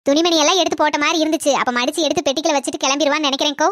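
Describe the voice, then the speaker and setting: A woman's voice: sits high, fairly even intonation, racing, fairly bright tone, no echo, clean studio sound. Woman voicing an eager nosy cartoon neighbor. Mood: gossiping. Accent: Kanyakumari Tamil. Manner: breathless, eager storytelling gossip. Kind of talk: cartoon comedy dialogue.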